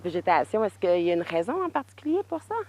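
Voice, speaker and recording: Quebecois lady hosting a nature doc, casual questions, really lively up and down intonation. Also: on the low side, fast talker. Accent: Québécois. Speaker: documentary host asking questions. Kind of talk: casual on-location interview.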